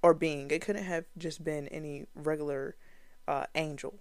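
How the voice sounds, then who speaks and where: A woman's voice: low-pitched, fairly even intonation, normal speed, a little mellow, no echo. A woman giving a casual Bible teaching to her viewers, earnest and conversational, with fillers and restarts along the way.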